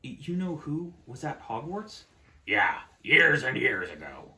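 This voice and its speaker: A man voicing a gruff, protective giant man in a read-aloud of a children's storybook, emphatic and plain-spoken. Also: medium pitch, sing-song, a little slow, pushed and bright, full character voice, low-quality recording. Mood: dark, emphatic.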